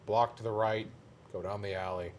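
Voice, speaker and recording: Low-voiced young man running a tabletop game. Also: fairly even intonation, moderate pace, a little hiss or hum. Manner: casual, laughing between narration. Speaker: game master.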